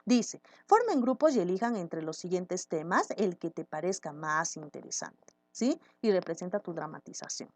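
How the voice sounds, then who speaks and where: A woman's voice: fairly low pitch, big pitch swings, normal speed, few pauses, dry recording. Woman teacher explaining a grammar lesson. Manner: explains patiently, often checking with "¿sí?".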